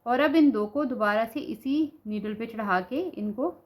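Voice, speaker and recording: A woman's voice: fairly high pitch, measured pace. Patient woman teaching knitting, sore-throated. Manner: patient, repeats "ठीक है" as she demonstrates. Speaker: knitting instructor. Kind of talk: step-by-step craft tutorial.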